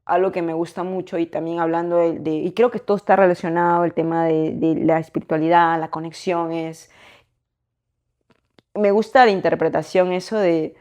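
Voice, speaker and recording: Young woman cohost, lowish voice, thinks out loud, lots of "eh" and tag questions. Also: fairly even intonation, moderate pace. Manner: reflective, thinking aloud with hesitations and tag questions. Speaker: podcast co-host. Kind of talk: casual chat.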